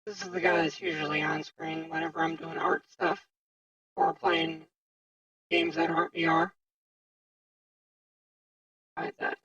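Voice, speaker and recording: A man streaming through a robotic, pitched-up voice changer, rambling casually with fillers. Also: very animated, unhurried, creaky, long pauses, sharp tone, faint music behind. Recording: dry, distant, dull lo-fi mic.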